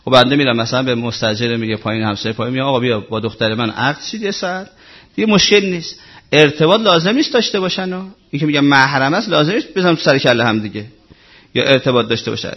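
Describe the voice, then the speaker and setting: A middle-aged male cleric giving a conversational religious talk, repeating himself and asking rhetorical questions. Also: mid-range voice. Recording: muffled lo-fi recording.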